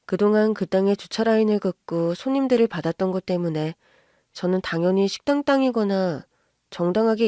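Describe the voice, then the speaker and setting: A woman's voice: mid-range voice, warm tone, no echo. Brief: woman reading a listener's story aloud, casual storyteller, mid voice, close and dry. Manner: conversational storytelling, first person. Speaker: story narrator. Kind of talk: scripted narration of a listener's story.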